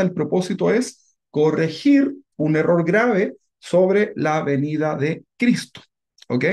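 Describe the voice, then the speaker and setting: Gravelly pastor asking "right?" as he teaches. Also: sits high, a little mellow. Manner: conversational, keeps asking the congregation "¿verdad?". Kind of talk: Bible teaching.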